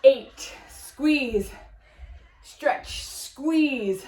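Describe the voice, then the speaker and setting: High-voiced woman cueing a workout. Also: lively intonation, drawn-out words, a little mellow, echoey room, distant mic, faint music behind. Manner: upbeat, counting reps and cueing form. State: working out along with the class. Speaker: fitness instructor. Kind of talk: workout instruction.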